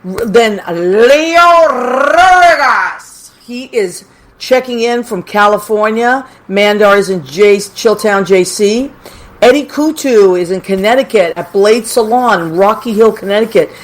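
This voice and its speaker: A woman's voice: mid-range voice, a little slow. An American woman casually hosting a livestream call-in show, chatty and effusive, speaking affectionately with plenty of endearments. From Massachusetts, United States.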